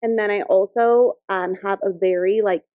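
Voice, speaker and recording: A woman in her thirties, new mother to a ten-week-old, co-hosts a casual podcast, chatty and giggly and saying "like" constantly. Her mid-range voice holds a steady tone at a moderate pace. The dry recording sounds narrow and tinny.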